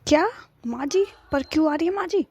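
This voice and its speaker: A woman's voice: on the high side, moderate pace, no room sound, natural voice. Woman doing a grumbling young cartoon wife. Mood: irritated. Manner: grumbling, complaining. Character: put-upon young wife. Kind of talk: cartoon voice acting.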